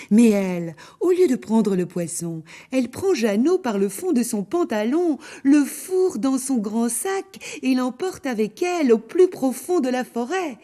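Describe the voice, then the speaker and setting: Husky, lively woman reading a story. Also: fairly high pitch. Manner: expressive, dramatic read-aloud. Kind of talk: scripted children's story narration.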